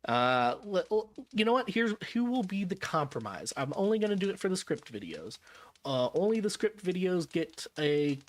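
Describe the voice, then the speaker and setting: A vtuber streamer, a man with a high voice and big pitch swings, chats casually with his audience at a normal speed. He rambles, corrects himself with wry asides, and sounds tired and a little jet-lagged.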